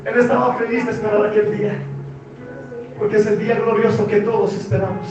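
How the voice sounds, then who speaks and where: Male pastor, very high voice, impassioned shouting sermon, booming echoey hall from a distance. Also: level tone, a little fast. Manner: impassioned, often shouting, emphatic repetition. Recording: echoey hall from far off, dull, music and congregation behind.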